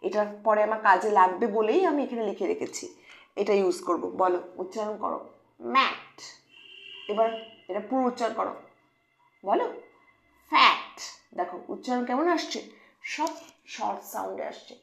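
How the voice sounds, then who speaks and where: In an echoey room, a woman explains English phonics to children, speaking Bengali with a Bengali accent. She patiently goes over the main points again and asks her pupils questions, using a gravelly mid-range voice at a slightly fast pace.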